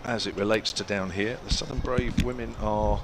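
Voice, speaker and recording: A man's voice: lowish voice, fairly even intonation, moderate pace. A man working as a cricket commentator, giving live play and match updates in short, chatty phrases. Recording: clear outdoor ambient noise behind voice.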